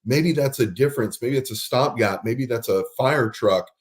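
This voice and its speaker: A man hosting a podcast in casual conversation, explaining resources and spelling out words slowly. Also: medium pitch. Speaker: podcast host.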